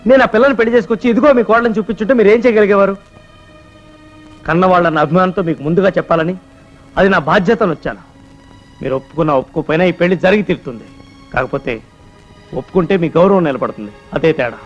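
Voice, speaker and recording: A defiant young son in a film melodrama, earnest and impassioned. His high voice races along in speeches, over music on a muffled soundtrack. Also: quick pace, pauses often. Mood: firm. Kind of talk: Telugu film melodrama acting.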